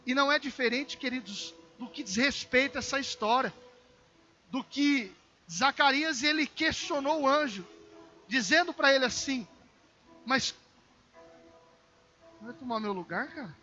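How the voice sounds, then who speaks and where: A male pastor with a Brazilian Portuguese accent preaching a sermon, telling a personal story with acted dialogue and addressing the congregation warmly as dear ones. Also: extremely high pitch, moderate pace, dull audio, faint music behind. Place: church service.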